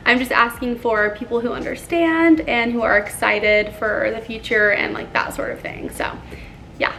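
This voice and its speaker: Chatty young woman with a brighter voice. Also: fairly high pitch, slight background noise. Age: 20s. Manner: chatty, filler-heavy with frequent "like"; earnest, apologetic. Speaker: YouTuber. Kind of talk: casual confessional vlog.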